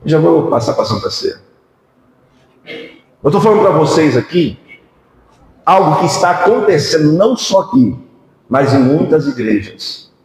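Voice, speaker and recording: A Brazilian-accented male pastor preaching with fervor, firing rhetorical questions at his congregation. His voice sits a bit high and leaps wildly in pitch. The sound bounces hard around a large church hall with a long reverb tail. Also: big pitch swings, a little slow, long pauses, a little mellow. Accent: Brazilian Portuguese. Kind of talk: sermon.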